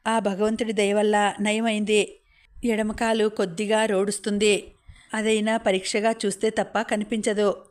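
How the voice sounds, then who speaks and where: A woman's voice: medium pitch, flat delivery, normal speed, lightly acted. A woman voicing an angry, aggrieved older village man who complains bitterly and indignantly. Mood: recounting.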